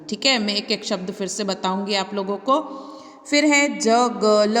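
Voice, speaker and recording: Woman teacher for young kids: slow, patient, repeats words and quizzes the class; phone recording with long reverb. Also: mid-range voice. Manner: patient, repeats each word and asks the class back. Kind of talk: slow worksheet lesson for young children. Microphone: mobile phone.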